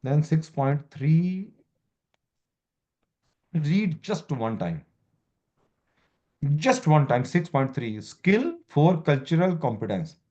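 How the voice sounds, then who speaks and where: A man's voice: on the high side, very animated, slow, long pauses, darkish tone. Repetitive male tutor, muffled class audio. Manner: repetitive, broken English, quizzing the student. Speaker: law exam tutor. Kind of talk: informal lecture.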